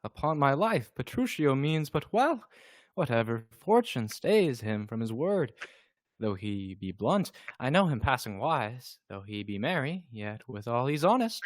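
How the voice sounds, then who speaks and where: A man reading a loyal young male servant in a live online play reading, delivering the verse in a measured way. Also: mid-range voice, sing-song, no room sound. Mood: reassuring.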